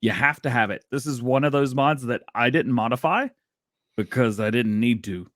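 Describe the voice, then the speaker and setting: A man's voice: medium pitch, normal speed, a bit bright, dry recording, clean studio sound. A man hosting a livestream, chatting casually and laughing often, with playful sound effects. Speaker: livestream show host.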